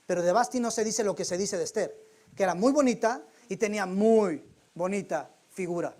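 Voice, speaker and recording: A man's voice: sits high, brisk, darkish tone. A male preacher delivers a sermon in church. He retells the story in a loose, colloquial and humorous way.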